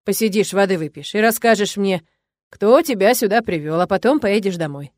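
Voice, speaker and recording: A woman's voice: a little mellow, dry recording, lightly acted. A woman voicing a stern, commanding male boss. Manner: curt, commanding, low and measured. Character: stern domineering male boss, jealous and controlling.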